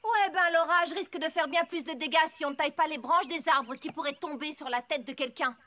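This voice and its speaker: In a cartoon dub, a woman voices a blunt, hardworking farm pony mare who is practical and teasing, and here sounds exasperated. Her voice is high-pitched and a little fast. Loud cartoon music and rain play behind her.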